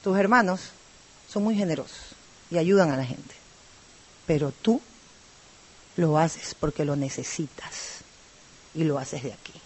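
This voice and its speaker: A woman takes on the voice of a frail elderly mother speaking from a hospital bed. The voice is hoarse, low and tender, dropping almost to a hush and sounding a little distant. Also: a little slow, long pauses.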